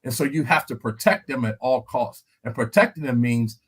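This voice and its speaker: An older man, a former NFL lineman appearing as a guest analyst, gives casual podcast commentary in a medium-pitched, fairly bright, slightly rough voice at a moderate pace. He's animated, repeats himself, and keeps asking "you know what I'm saying."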